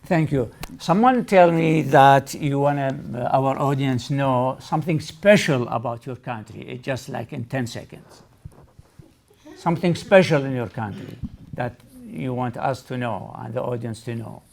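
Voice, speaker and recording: A man's voice: medium pitch, a little slow, creaky, darkish tone. A man hosting a studio talk show, prompting guests to speak up. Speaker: TV show host.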